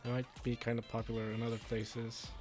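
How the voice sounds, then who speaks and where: A man's voice: medium pitch, completely flat delivery, fairly quick. A man doing casual game stream commentary, rambling and thinking aloud as he plays. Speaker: streamer playing a video game. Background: game music.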